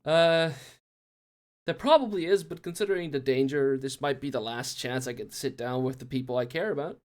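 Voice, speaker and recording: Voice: medium pitch, fairly quick, close to an everyday voice. A voice actor as an earnest, teasing hero.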